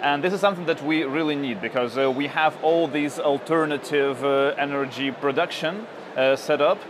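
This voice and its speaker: A man's voice: a little high, normal speed. Hesitant man interviewed over street noise. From Ukraine. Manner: hesitant, many fillers and restarts. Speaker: interviewee, tech journalist. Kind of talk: conference interview.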